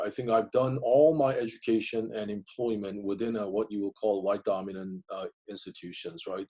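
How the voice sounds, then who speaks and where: A middle-aged man whose first language is Korean, a divinity school professor, answers interview questions reflectively, using many fillers and restarts. His lowish voice is a little mellow and slightly rough.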